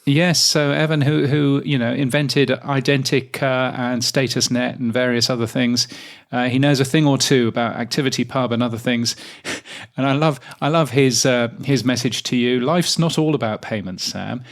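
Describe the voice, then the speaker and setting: A man's voice: medium pitch, level tone, moderate pace. A British man co-hosting a podcast news show, chatting casually with plenty of ums and dry, wry asides. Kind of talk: casual chat.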